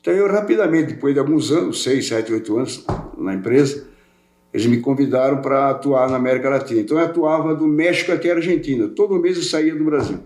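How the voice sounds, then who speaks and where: This welding specialist speaks quickly in a medium-pitched, slightly mellow voice. He's an older man from Portugal who grew up in Brazil, rambling as a podcast guest in a casual interview, often repeating or restarting words, all in a roomy, echoing space.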